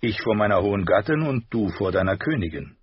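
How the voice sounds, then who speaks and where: A man's voice: lowish voice, lively intonation, breathy edge, no echo, muffled recording. A man doing a stern, reserved lord. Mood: restrained. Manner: cool, measured, restrained.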